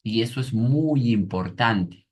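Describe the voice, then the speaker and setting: A man reading aloud as a patient father who explains things slowly and carefully. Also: medium pitch, animated. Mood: explaining.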